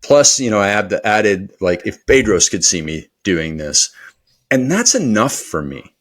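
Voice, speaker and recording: A man with a fairly low voice talks as a guest on a podcast. He is a performance coach. His delivery is energetic and motivational, rambling along with plenty of fillers. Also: unhurried. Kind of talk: podcast interview conversation.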